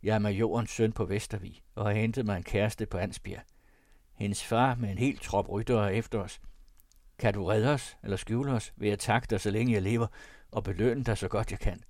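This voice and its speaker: A brave young cavalry cornet, earnest and urgent, speaking a little raised above the narration, as a male reader puts him on. His voice sits low and the recording is dry and close. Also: fairly even intonation, a little mellow, no echo, lightly acted. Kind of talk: audiobook character voice.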